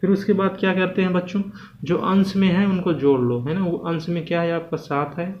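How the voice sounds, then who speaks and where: A man teaches a maths lesson to children. He asks them questions, answers them himself, and slows down to stretch out the numbers. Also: high voice, steady tone. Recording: dull, lo-fi home recording with faint background hiss.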